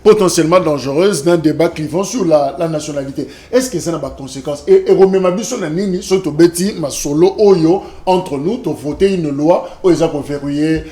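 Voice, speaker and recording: A man's voice: a little high, fairly quick, few pauses, mellow. A man moderating a political talk show debate, trying to keep order among the panelists. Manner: tries to keep order, repeats pleas.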